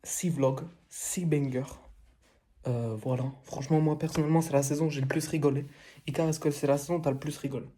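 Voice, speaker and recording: A woman's voice: low-pitched, fairly even intonation, a little fast, mellow, breathy edge. A woman hosting a casual vlog, talking bluntly and swearing freely. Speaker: vlog host. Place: bathroom.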